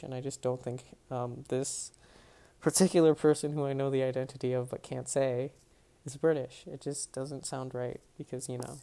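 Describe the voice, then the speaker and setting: A man's voice: mid-range voice, vocal fry, dark tone. A man giving a casual fan reading of a novel, reading plainly and breaking off with self-mocking asides. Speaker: audiobook reader.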